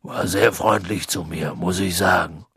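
A man voicing a huge, gruff, lonely half-giant gamekeeper with a deep husky voice and slow, halting speech. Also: fairly even intonation, sharp tone, no echo, exaggerated voice. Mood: wistful. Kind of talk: audiobook character voice.

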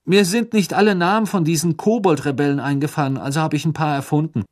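A man voicing a careless, chatty teenage boy in an audiobook, with a high, lively voice. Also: quick pace, close to an everyday voice. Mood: breezy.

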